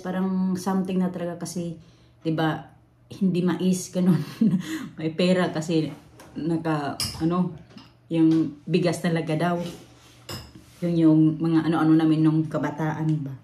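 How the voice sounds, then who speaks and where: A woman's voice: on the low side, warm tone. A woman from the Philippines chatting casually in a rambling home vlog, full of fillers and restarts. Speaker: vlogger. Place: at home in a room. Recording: echoey room, faint noise.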